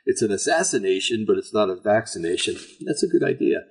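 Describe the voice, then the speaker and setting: A man hosts an informal online religious talk in a gravelly, husky voice that sits on the low side. His delivery is folksy and halting, rambling along as he addresses his listeners. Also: expressive, poor audio. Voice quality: raspy, gravelly voice. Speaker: online show host. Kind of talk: informal religious commentary to a live audience.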